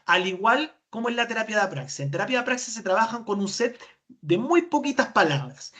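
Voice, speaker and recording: A woman's voice: fairly high pitch, sing-song, fairly quick, a bit bright. A woman with a Chilean accent giving a webinar lecture as a speech therapist, explaining step by step and answering her own questions. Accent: Chilean Spanish.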